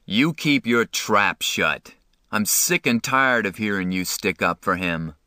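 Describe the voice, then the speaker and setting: A man reading an audiobook, voicing a harsh, exasperated older brother who scolds and shouts. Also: on the low side, animated, slow, clean tone, dry recording, clean studio sound, full character voice. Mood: angry, exasperated.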